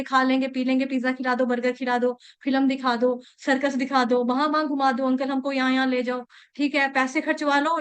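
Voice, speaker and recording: Speaking in a high, sharp-toned voice, a young woman delivers a devotional talk on scripture. She keeps it conversational and story-driven, regularly pausing on "okay" and "right" to check in with her audience.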